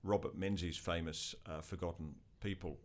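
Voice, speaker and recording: A man hosting a conversational talk, relaxed with stumbling restarts. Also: deep voice, moderate pace. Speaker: host.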